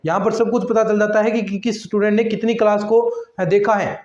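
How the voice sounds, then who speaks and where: High-voiced male maths teacher in an echoey room. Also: flat delivery, fairly quick, a little mellow. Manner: chatty and repetitive, addresses students as friends and lectures them about attendance. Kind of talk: online exam-prep lecture. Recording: echoey room, slightly dull sound.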